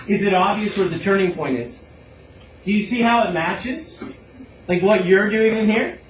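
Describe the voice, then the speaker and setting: A man's voice: sits high, slight background noise, rough recording. A man with a Canadian accent teaching a calculus class, encouraging and asking his students many questions. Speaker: math teacher. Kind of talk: classroom lecture.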